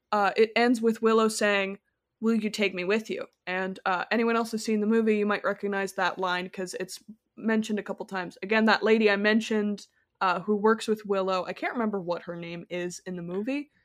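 A woman's voice: medium pitch, moderate pace. A woman co-hosting a podcast, talking casually about a movie, rambling and correcting herself as she goes. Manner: rambling, self-correcting, animated asides. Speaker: podcast co-host. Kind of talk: casual chat.

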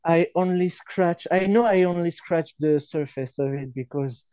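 Smooth, mellow Frenchman with a French accent. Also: a little high, moderate pace, no echo, highs cut off. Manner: hesitant, non-native English phrasing. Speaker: podcast guest. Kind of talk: casual podcast chat.

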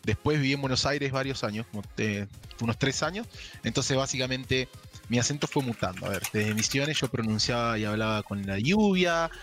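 A man's voice: mid-range voice, brisk, faint music behind. Joking man with a mixed Argentine-Chilean accent. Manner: relaxed, jokey, swears casually. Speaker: guest. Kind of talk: casual podcast chat.

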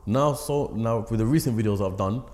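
Man, London accent, casual interviewer, slightly low pitch, fast slangy chat. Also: a little mellow.

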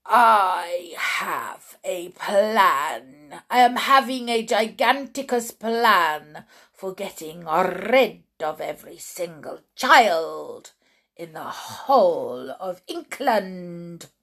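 A woman voicing a screaming, tyrannical old female witch leader who rants slowly and loudly. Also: on the low side, lively intonation, exaggerated voice. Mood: scheming. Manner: shrieking, ranting, slow and loud.

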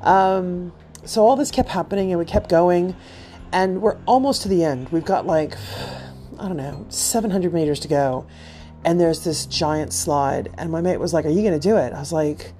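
Chatty, self-deprecating woman, slightly low voice. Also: normal speed, dark tone, faint music behind. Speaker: podcast host. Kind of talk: casual personal storytelling.

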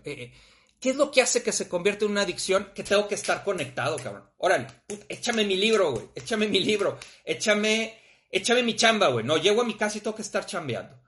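A man with a Mexican accent, talking bluntly and casually about grief, with frequent swearing. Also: high voice. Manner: blunt, profane, animated. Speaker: podcast host.

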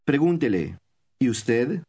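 Calm male course instructor. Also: mid-range voice, slightly rough. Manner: calm, measured prompts to the listener. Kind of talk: scripted language lesson instruction.

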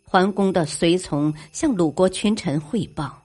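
语速缓慢的沙哑女讲述者. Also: female voice, lowish voice, husky, faint music behind. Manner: measured, even storytelling. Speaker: storyteller. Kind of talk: scripted narration of ancient history.

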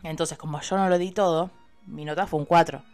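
Chatty young Argentine woman, lowish voice. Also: brisk, soft background music. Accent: Argentine Spanish. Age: young adult. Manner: expressive, chatty, swears casually. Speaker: university student vlogger. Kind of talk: casual personal storytelling.

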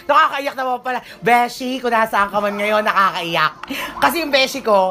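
A woman hosting a casual chat, gossipy and quick to laugh, mixing English into her Filipino. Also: fairly high pitch, bright, forceful tone. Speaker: host.

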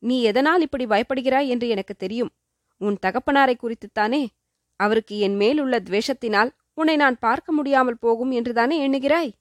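A woman voicing a young male prince who speaks gently and firmly to his beloved, in a storybook reading. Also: fairly high pitch, normal speed, no echo, clean studio sound, close to an everyday voice. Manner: gentle, reassuring.

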